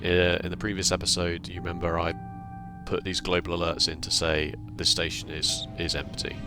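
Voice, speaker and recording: Faint music plays as a low-voiced British man speaks in a level tone at a moderate pace. Hosting his gaming channel, he explains his setup one step at a time, casually and with dry humour aimed at himself.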